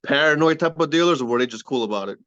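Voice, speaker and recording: A man in his thirties with a slightly high voice that swings up and down a lot as he gives his opinions in heavy slang. The recording sounds dull and lo-fi, and very dry. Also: expressive, very fast, crowd noise. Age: 30s. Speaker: podcast co-host. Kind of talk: casual chat.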